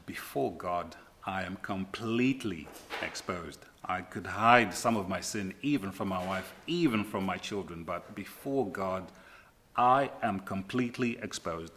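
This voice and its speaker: A middle-aged man preaching a sermon, repeating key phrases with emphatic, deliberate pauses. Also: deep voice, fairly bright tone. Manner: slow deliberate delivery with dramatic pauses.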